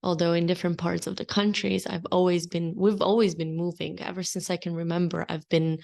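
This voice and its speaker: A woman's voice: lowish voice, flat delivery, fairly quick, gravelly, darkish tone. A woman, hosting a podcast in open, unscripted, meandering solo talk. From Slovenia. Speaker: podcast host. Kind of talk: casual solo podcast chat.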